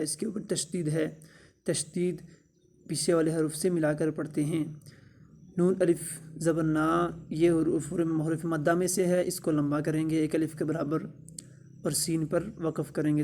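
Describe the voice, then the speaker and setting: Man, Pakistani Urdu accent, recitation teacher, slow drawn-out chanting, fairly high voice. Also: mellow. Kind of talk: slow step-by-step recitation lesson.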